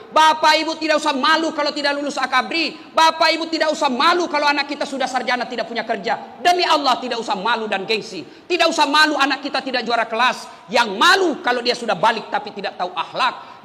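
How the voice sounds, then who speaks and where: A man preaching an animated, emphatic sermon, dropping to soft asides. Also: very high voice, long reverb tail.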